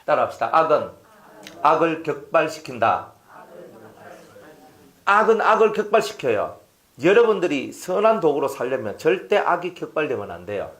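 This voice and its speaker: A middle-aged man preaching a sermon as pastor, acting out taunts and replies in an animated way. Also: a little high, normal speed, pauses often.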